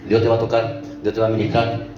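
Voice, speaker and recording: A man with a lowish, darkish voice talks fast in a completely flat delivery, preaching conversationally in church and repeatedly asking the congregation "¿vio?" and "¿sí?". The audio is dull and echoey, with music in the background.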